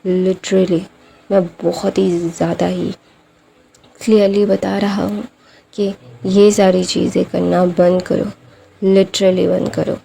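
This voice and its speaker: Woman playing a fierce, protective mother, firm and threatening, dark, gravelly voice. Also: fairly low pitch, little pitch movement, takes it slowly, long pauses, slight background noise, heavily acted.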